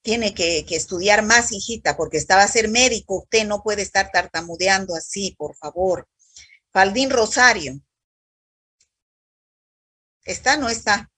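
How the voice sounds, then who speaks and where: A woman's voice: medium pitch, measured pace, pauses often, a bit bright, breathy edge, no room sound. A woman teaching a university microbiology class over a video call, quizzing students by roll call in a stern, scolding way.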